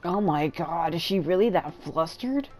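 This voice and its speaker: A woman's voice: on the low side, animated, moderate pace, a little mellow. A young woman giving casual, joking commentary while playing a game, swearing freely. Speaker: gaming streamer. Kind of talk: casual let's-play commentary.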